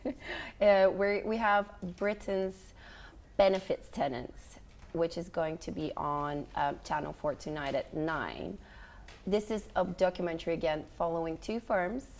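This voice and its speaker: A woman guest giving informal television recommendations in a halting, explanatory way. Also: on the low side, gravelly, darkish tone, a little hiss or hum. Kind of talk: informal review chat.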